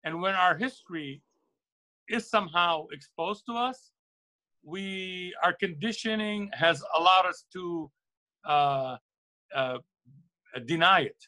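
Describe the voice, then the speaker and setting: A high, sharp male voice with lively intonation comes slowly, broken by long pauses, on a rough recording. The speaker, a middle-aged Lebanese record shop owner, is an interview guest offering reflective, opinionated talk, earnest and full of repeated, reworded phrases for emphasis.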